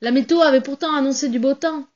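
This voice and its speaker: A woman voicing a gruff, brisk male ship's captain who talks loud and brusque. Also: high-pitched, highs cut off, voice pushed up, close to an everyday voice.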